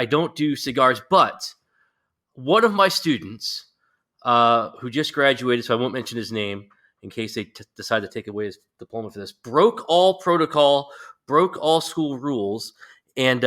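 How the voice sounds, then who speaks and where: An American man hosts a podcast, chatting casually in an interview with joking banter. His medium-pitched voice sounds pushed and bright.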